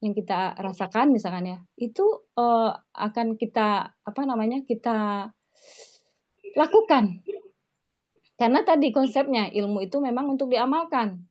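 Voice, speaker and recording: A woman's voice: on the high side, moderate pace, long pauses, darkish tone. A woman religious teacher giving an online lesson in a conversational way, tagging her phrases with 'gitu ya', heard over a video call. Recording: slightly muffled online call audio.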